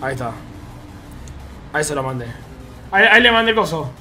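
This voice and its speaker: While playing a game, a man with an Argentine Rioplatense Spanish accent chats easily with his live-stream audience in slangy, relaxed talk. His voice is a little high, expressive and a little fast. The background is noisy, with faint game music.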